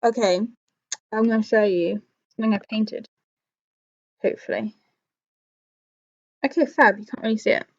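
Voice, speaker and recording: A woman with a fairly high voice chats casually as a live stream host. She rambles and thinks aloud, second-guessing herself as she talks to her viewers. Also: steady tone, moderate pace, long pauses, lo-fi sound. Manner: rambling, thinking aloud, changes own mind.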